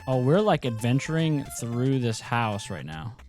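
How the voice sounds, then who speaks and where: A man's voice: mid-range voice, sing-song, a little slow, a little mellow, faint music behind. Male gaming YouTuber, mid-range voice, loose and rambling play-along commentary with casual swearing.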